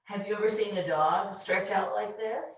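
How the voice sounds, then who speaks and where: A woman leading a children's yoga class, giving gentle, encouraging step-by-step instructions. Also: mid-range voice, normal speed. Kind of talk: guiding a kids' yoga class. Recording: distant, very echoey, dull-sounding room recording.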